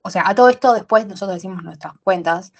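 A young woman with a Rioplatense Spanish accent, co-hosting a podcast in casual, animated chat full of slang and restarts. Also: medium pitch, quick pace, breathy edge. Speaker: podcast co-host.

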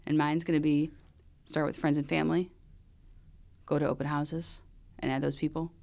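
A woman hosting a casual interview about real estate, upbeat and quick to laugh. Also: deep voice, level tone, creaky, dark tone. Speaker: podcast host.

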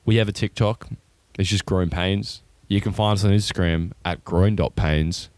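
A man's voice: low-pitched, a little mellow, no room sound. A young man co-hosting a podcast, telling crude stories in casual banter and laughing often. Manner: crude, laughing, quick storytelling. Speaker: podcast co-host.

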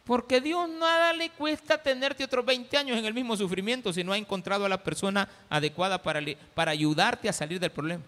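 A man with a Salvadoran accent preaching a sermon as pastor, animated and acting out the voices he quotes. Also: high voice, fairly quick, hardly any pauses, in a large hall. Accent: Salvadoran Spanish.

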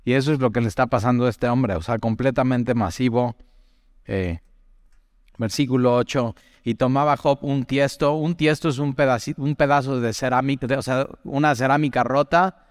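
A man's voice: medium pitch, fairly even intonation, normal speed, no room sound, clean studio sound, long reverb tail. A man teaching from the Bible in a chatty way, putting direct questions to the listener and telling personal stories.

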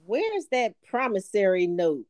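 A woman's voice: medium pitch, big pitch swings, slow, a little mellow. A woman co-hosting a casual podcast chat, talking in a teasing way with laughs. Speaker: podcast co-host.

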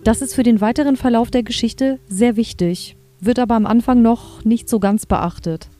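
Warm-voiced woman chatting enthusiastically. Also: a little high. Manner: chatty, enthusiastic, reads quotes aloud. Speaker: podcast host reviewing an audio drama. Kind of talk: casual chat.

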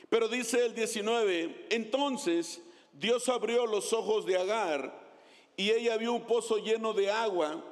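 A man's voice: high-pitched, long reverb tail. A man preaching a sermon as pastor, reading scripture aloud and putting questions to the congregation.

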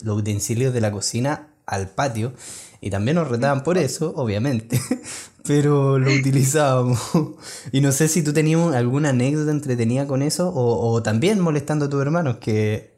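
A man's voice: mid-range voice, darkish tone. Laughing Chilean young man. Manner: joking, laughs often. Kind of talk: casual chat.

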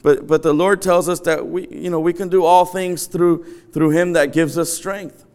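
A man's voice: on the high side, fairly even intonation, moderate pace, a little mellow, clear, resonant tone. A middle-aged man preaching a sermon in an empty church sanctuary, earnest and repeating his key phrases. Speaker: pastor.

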